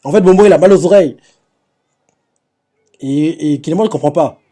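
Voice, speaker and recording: A man's voice: a little high, brisk, warm tone. A man recapping anime scenes live, retelling the action with lots of fillers and restarts. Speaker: anime reaction host.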